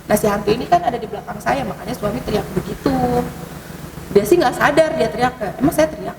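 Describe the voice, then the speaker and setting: Telling spooky tales as a guest on a podcast, a fast-talking woman keeps things casual but hesitant, filling gaps with fillers while her pitch leaps up abruptly. The fairly high voice seems far off, reverberating in a long hall amid clear background noise.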